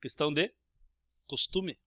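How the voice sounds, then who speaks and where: A Brazilian man preaching a sermon as pastor, animated, acting out little everyday scenes with changing voices. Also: on the high side, measured pace, husky, no room sound, clean studio sound. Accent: Brazilian Portuguese.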